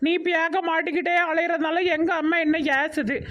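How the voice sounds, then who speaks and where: A woman voicing a gossipy, sharp-tongued schoolkid in a cartoon, with a Tirunelveli Tamil accent. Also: extremely high pitch, little pitch movement, moderate pace, highs cut off. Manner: gossipy, scolding.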